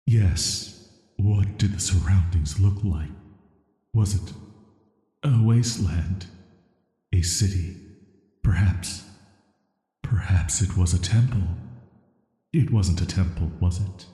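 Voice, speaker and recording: This scripted roleplay sleep-aid audio drama features a man as a banished villain who enters dreams. His soft, hushed, atmospheric voice is very low and darkly velvety, moving slowly with a flat, measured hesitancy that's both flirtatious and dangerous. He sounds probing and uneasy, and long reverb follows every word.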